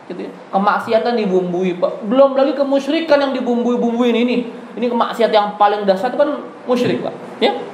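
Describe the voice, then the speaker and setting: A male preacher giving a chatty, joking sermon in a mosque. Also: extremely high pitch. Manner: chatty, joking, lively storyteller. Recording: echoey mosque hall, faint background noise.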